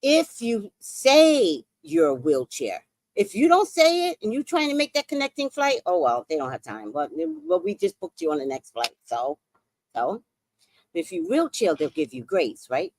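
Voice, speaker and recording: A woman's voice: medium pitch, wildly swooping pitch, moderate pace, a little mellow. A woman in her sixties telling a story in a casual, profane, dramatic way as a podcast host. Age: 60s.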